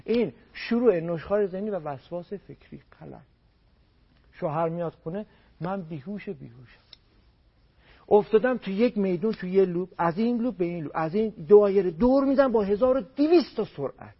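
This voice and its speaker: A man's voice: high voice, animated, husky. A man on a radio program as a family counselor, giving marriage advice in an emphatic way and repeating words for stress. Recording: dull lo-fi radio broadcast.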